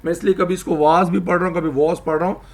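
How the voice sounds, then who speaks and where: A man teaching English grammar, explaining slowly and repeating example sentences. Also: sits high, steady tone. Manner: addresses viewers, asks them to try. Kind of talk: spoken language lesson.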